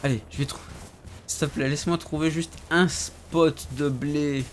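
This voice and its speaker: A man streaming a game, chatting casually with his viewers in slangy, relaxed talk. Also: on the high side, a little slow, slight background noise. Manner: laid-back, slangy, talks to chat by name.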